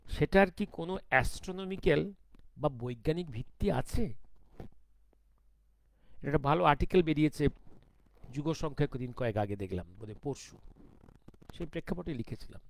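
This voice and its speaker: Gravelly man with a sore throat. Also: a little high, expressive, moderate pace, long pauses, dry recording. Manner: rhetorical, pointed questions. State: sore throat, speaking slowly. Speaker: political commentator. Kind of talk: spoken commentary monologue.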